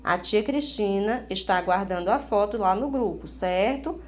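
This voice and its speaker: Brazilian woman teacher, mid-pitched, patient questioning delivery for small kids, crickets faintly behind. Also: slight background noise. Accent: Brazilian Portuguese. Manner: slow, expressive, questioning teacher talk with rhetorical questions. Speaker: primary school teacher. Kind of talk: recorded remote lesson for young children.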